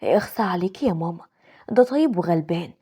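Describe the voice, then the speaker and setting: A woman voicing a naive, chatty young Egyptian sister-in-law. Her breathy, mellow voice moves quickly. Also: on the low side, lively intonation.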